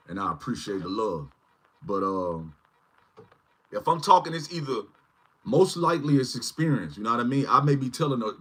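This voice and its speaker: A man's voice: mid-range voice, a bit bright, breathy edge. A man in his forties hosting a casual livestream, rambling and often asking "you know what I mean". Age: 40s. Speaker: channel host.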